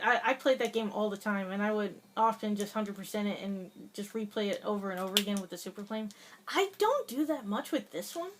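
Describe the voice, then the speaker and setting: A woman's voice: mid-range voice, a little hiss or hum. A woman giving casual, chatty commentary over her gameplay, laughing often and hesitating with many fillers. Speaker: gaming video host.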